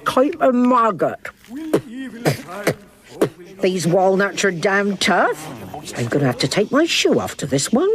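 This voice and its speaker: A woman's voice: medium pitch, big pitch swings, measured pace, long pauses. An actress voicing a jolly, earthy old village witch with a chatty, cheeky manner. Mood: grumbling.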